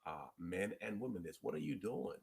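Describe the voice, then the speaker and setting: A man hosting a relationship advice chat, emphatic and preachy, quoting scripture and repeating key points slowly. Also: low voice, animated, creaky, darkish tone.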